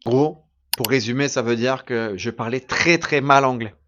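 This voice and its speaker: A man teaching through a slow, emphatic story for learners, repeating his phrases deliberately. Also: mid-range voice, muffled recording, noisy background. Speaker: French teacher.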